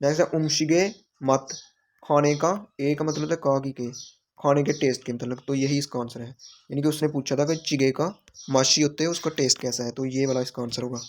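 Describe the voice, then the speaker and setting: A man's voice: mid-range voice, fairly even intonation, normal speed. A man teaching a language lesson, patiently explaining exam questions and repeating phrases and word meanings.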